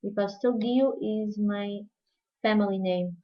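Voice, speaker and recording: A Portuguese woman with a Portuguese accent hosts a crafting tutorial on a live stream, chatting with viewers and answering their questions as she works on a project. Her mid-range voice is a little slow with fairly even intonation. The livestream audio is dull and lo-fi.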